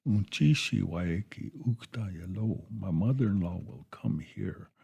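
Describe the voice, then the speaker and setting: A low, dark-toned man with a gravelly, husky voice leads a radio language lesson. He speaks very slowly and patiently, saying each phrase twice before giving its meaning. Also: lively intonation, highs cut off.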